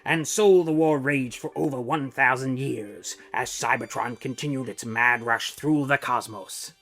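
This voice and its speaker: Gravelly dramatic male narrator. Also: medium pitch, measured pace, fairly bright tone, faint music behind. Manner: grandiose, declaiming. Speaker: comic book narrator.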